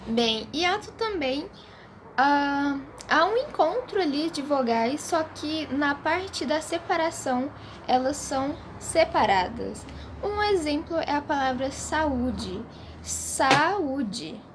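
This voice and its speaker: A woman giving a homemade video lesson, slow and deliberate, repeating example words syllable by syllable. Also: high voice, lively intonation, a little hiss or hum. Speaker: student presenting a class assignment.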